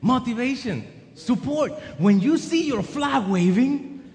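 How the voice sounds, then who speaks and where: A man's voice: very high voice, expressive, measured pace, a little mellow. A man preaching a sermon with an emphatic, rising and falling cadence. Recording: long hall reverb.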